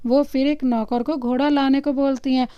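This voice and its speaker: A woman storyteller reading a romantic story aloud in a steady, expressive narration. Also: sits high, moderate pace, dry recording, highs cut off.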